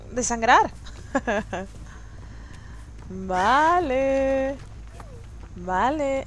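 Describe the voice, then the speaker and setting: A woman's voice: high-pitched, fairly bright tone. A young woman with a Spanish accent from Spain, streaming a game and teasing the other players with playful taunts and laughter. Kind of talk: live gameplay commentary. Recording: noisy stream audio.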